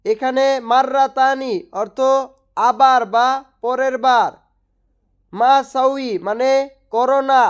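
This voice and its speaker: Slow, clear woman teaching phrases. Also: high voice. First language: Bengali. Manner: slow, even, repetitive drilling of phrases. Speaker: language teacher. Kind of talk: scripted language lesson narration.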